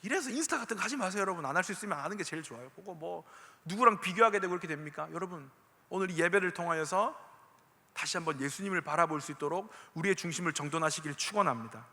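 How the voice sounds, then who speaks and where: Male pastor with a Gyeongsang accent, animated preaching, voice swinging widely in pitch, long church-hall reverb. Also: rapid-fire. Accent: Gyeongsang dialect. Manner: animated, asks the listeners many questions. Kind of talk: sermon to a youth congregation.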